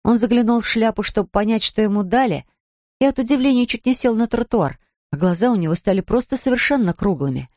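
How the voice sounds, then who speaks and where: A woman narrating a children's storybook with lively expression. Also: fairly high pitch, fast, dry recording, clean studio sound. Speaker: audiobook reader.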